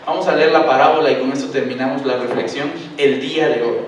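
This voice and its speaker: A male pastor preaching a sermon, animated and acting out voices in the parable while questioning the congregation. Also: medium pitch, quick pace, a little hiss or hum. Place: large church hall. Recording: echoey church hall from far off.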